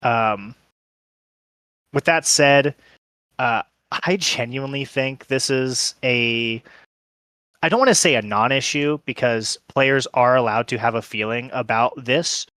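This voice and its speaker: A man's voice: medium pitch, a little slow, sharp tone, no room sound. A man co-hosting a podcast who gives his opinion in a hesitant way, with many ums and hedges. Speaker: podcast co-host. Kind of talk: casual podcast discussion.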